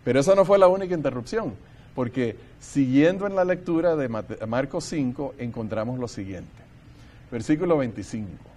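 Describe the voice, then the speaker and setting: A man's voice: medium pitch, expressive, moderate pace, dark tone. A man leading a Bible study discussion, talking earnestly and thinking aloud, and sometimes reading scripture passages aloud.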